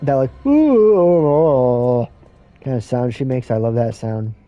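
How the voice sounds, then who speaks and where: A man's voice: medium pitch, little pitch movement, moderate pace, no room sound, dull audio. A man streaming a game, rambling and swearing through a casual rant. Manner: rambling, profane, ranting. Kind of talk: casual rambling commentary while playing.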